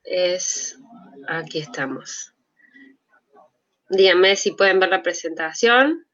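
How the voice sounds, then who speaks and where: A woman's voice: on the low side, slow, fairly bright tone. A woman with an Argentine accent giving an online medical lecture as a doctor, in a conversational way. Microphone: video call. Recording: dull video-call audio.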